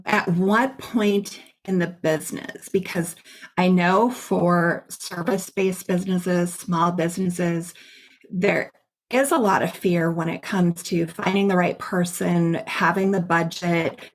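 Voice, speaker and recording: A cheerful middle-aged woman hosts a conversational interview, her voice sitting a little low. She talks in a chatty, upbeat, storytelling way. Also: fairly even intonation, slow. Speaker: podcast host. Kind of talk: casual interview chat.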